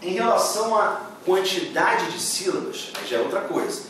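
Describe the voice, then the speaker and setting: A man's voice: high-pitched, lively intonation, moderate pace, fairly bright tone, recorded from a distance, a little hiss or hum. Brazilian male teacher in an echoey room. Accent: Brazilian Portuguese. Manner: patient, checks in with "beleza?" and "tá?". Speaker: Portuguese exam-prep teacher. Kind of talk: classroom lecture explaining grammar.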